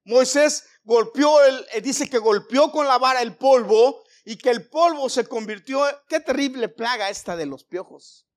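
A man's voice: very high voice, unhurried, few pauses. Man preaching a sermon. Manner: storytelling with jokes, addresses congregation as brothers.

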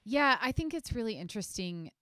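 A woman co-hosting a podcast, analytical and thoughtful, speaking in quick bursts with restarts. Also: on the high side, sing-song, bright, forceful tone, clear, resonant tone, dry recording, clean studio sound. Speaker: podcast co-host. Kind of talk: casual conversational podcast.

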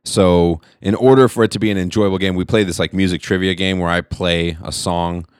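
A man's voice: low-pitched, fairly even intonation, a little fast, clear, resonant tone, no room sound, studio quality. A man in his forties chatting casually as a podcast co-host, laid-back, laughing often and swearing freely. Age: 40s. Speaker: middle school teacher.

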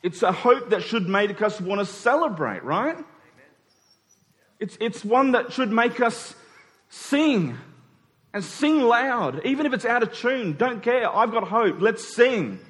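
Speaking very high and sing-song, slowly and with a slightly bright tone, this preacher delivers a conversational sermon. Key phrases come back again and again for emphasis, and he keeps turning to his listeners with brief rhetorical questions.

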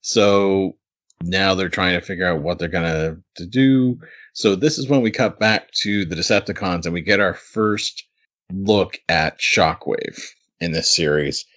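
Deep-voiced man recapping casually. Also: unhurried, a bit bright. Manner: chatty, laughs often, restarts sentences. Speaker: podcast co-host recapping an episode. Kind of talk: casual chat.

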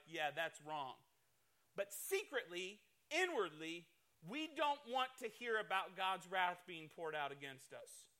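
A man's voice: high-pitched, pushed and bright. A man preaching a sermon, emphatic and swinging between playful asides and solemn warnings. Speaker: pastor.

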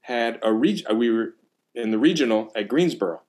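Man, middle-aged, casual chat, animated storyteller, mid pitch. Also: a little fast, a little hiss or hum. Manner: animated storytelling, acts out exclamations. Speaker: percussion teacher. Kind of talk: casual conversation.

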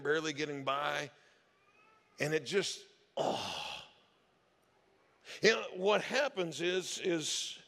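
A man's voice: fairly high pitch, a bit bright, in a large hall. A man preaching a sermon as the church's pastor, telling stories in a casual, conversational way and acting out the people he quotes. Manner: conversational storytelling, acts out quoted voices.

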